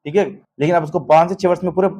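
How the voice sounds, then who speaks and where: A man lectures for an exam-prep class in a somewhat higher voice. He keeps asking quick checking questions and addresses his students as "beta", in a patient, repetitive teaching manner. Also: fairly even intonation, mellow, a little hiss or hum. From Rajasthan.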